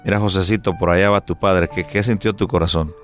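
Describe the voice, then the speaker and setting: A man hosting a radio interview, asking gentle, probing questions and affirming his guest with short interjections. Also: low voice, fairly even intonation, fairly quick, faint music behind. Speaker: radio host.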